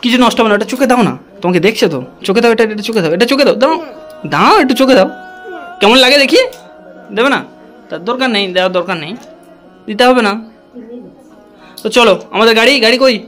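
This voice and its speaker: A man's voice: extremely high pitch, quick pace, long pauses, fairly bright tone, soft background music. A man chatting to his viewers in a casual vlog, his voice heavy and stuffy from a cold, coaxing and playful. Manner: coaxing and playful with a child, addresses viewers as friends. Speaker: vlogger.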